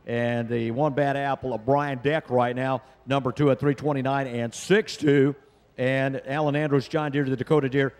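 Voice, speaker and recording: A man announcing a tractor pull live in a folksy, colloquial way. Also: mid-range voice. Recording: echoing PA with engine noise.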